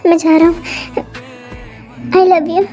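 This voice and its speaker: A jealous, possessive young husband, as a woman puts him on for a fan-fiction story, stammering between orders and pleas. The voice sits very high even when pushed lower, and its tone is dark and mellow. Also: takes it slowly, faint music behind. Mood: tearful, pleading. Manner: stammering, pleading and commanding. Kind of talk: Hindi fan-fiction voice acting.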